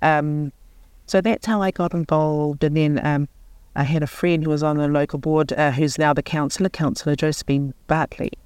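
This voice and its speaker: A New woman around sixty, a local board chair, speaking in a radio interview in an earnest, unhurried way and pausing to find her words. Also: deep voice, steady tone, darkish tone, clean tone, no echo. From New Zealand.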